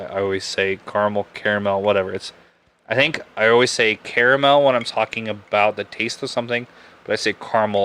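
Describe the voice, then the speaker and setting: A man's voice: lowish voice, fairly bright tone. A young man hosting a podcast, chatting casually and rambling a little as he reviews a drink, often correcting himself. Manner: rambling, laid-back, self-correcting. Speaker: podcast host reviewing bourbon. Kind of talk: casual live-stream chat.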